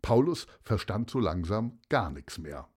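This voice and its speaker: A man narrating a children's audio story in an expressive storytelling manner. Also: medium pitch, takes it slowly.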